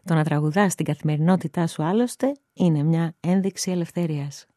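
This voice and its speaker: A woman host reading a scripted narration in a measured, polished way. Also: low-pitched, dark tone, no echo, studio quality.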